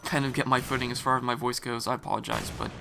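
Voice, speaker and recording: A gaming commentator with a scratchy, irritated throat rambles casually in voice-over, full of fillers and restarts, his mid-range voice fast, fry-tinged and barely moving in pitch. The voice-over sits over loud game gunfire and explosions.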